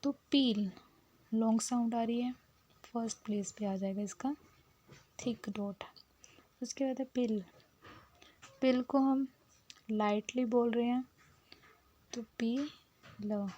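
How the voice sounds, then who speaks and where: A woman's voice: fairly high pitch, steady tone, a little slow, pauses often, mellow, a little hiss or hum. A woman teaching shorthand step by step, patiently repeating herself and sometimes dropping to a near whisper as she writes. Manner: patient, repeats "theek hai" often, drops to a near whisper while writing. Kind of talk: step-by-step lesson, mixing Hindi and English.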